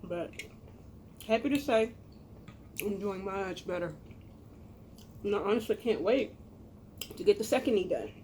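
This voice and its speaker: A middle-aged American woman chatting casually to viewers as a cooking vlogger, with a folksy, expressive, emphatic manner. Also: mid-range voice, a little slow, long pauses, slight background noise.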